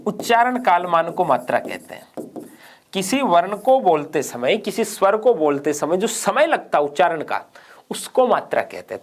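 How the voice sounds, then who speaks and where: A man teaching a grammar lesson for exam students, asking questions and answering them himself and repeating key points. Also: high-pitched. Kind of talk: exam-prep grammar lecture.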